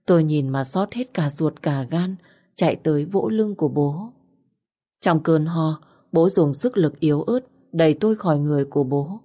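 A woman's voice: deep voice, moderate pace, warm tone. A woman narrating a first-person story in an earnest, mournful way.

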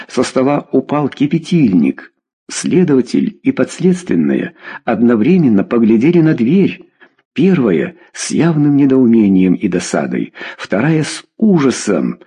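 A male audiobook narrator reading a crime novel with a husky, slightly breathy voice. His delivery is dramatic and expressive, and his pitch moves lively through the sentences.

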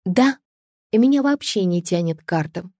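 A woman voicing a quiet, cultured young woman. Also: on the low side, lively intonation, normal speed, no room sound, studio quality. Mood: light. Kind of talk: audiobook character voice.

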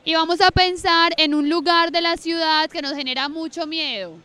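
A woman's voice: very high-pitched, normal speed, sharp tone. A woman guiding a group writing exercise in an outdoor park, chatty and repeating her instructions, with a handheld mic she often forgets to use. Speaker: workshop facilitator. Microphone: handheld mic, often held away.

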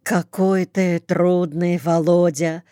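A woman reading the lines of an impulsive, tearful young woman who has volunteered for the war, often speaking softly. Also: fairly low pitch, steady tone, slow, clean tone, dry recording, clean studio sound. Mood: pleading. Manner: hushed and tearful.

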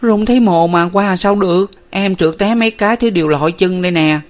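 A man's voice: high voice, brisk, pitched above the performer's own voice, close to an everyday voice. A man reading a storybook aloud, voicing a timid, fearful younger sister who whimpers anxiously.

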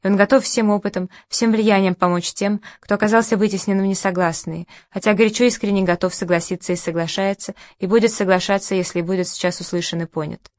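A woman narrating an audiobook in an ironic, even storytelling manner. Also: medium pitch, quick pace, few pauses, no echo, studio quality.

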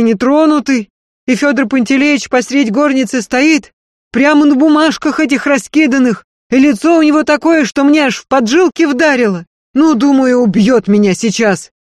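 Female reader doing a high, loud, earthy maid from an old storybook. Dry, close recording. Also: normal speed, no room sound, lightly acted. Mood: excited. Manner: earthy folksy speech, emphatic. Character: blunt devoted old-fashioned serving woman.

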